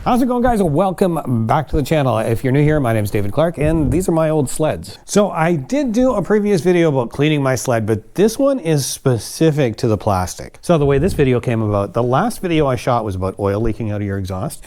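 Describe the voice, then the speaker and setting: A man's voice: a little fast, few pauses. A Canadian man hosting a how-to vlog, chatty and self-mocking, working in his garage. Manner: chatty and self-mocking, lively swings in pitch. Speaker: host.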